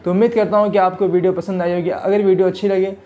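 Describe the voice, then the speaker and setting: A man's voice: sits high, flat delivery, fast talker, dark tone, a little hiss or hum. A man hosting an Islamic advice talk for video, earnest and exhorting, often repeating phrases to press his point. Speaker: religious video host.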